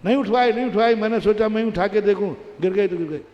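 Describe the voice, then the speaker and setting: A man voicing an old mother-in-law who scolds with quick retorts, recorded in an echoey hall. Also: high-pitched, dull audio, close to an everyday voice. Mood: defiant. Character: sharp-tongued old mother-in-law, woman, protective.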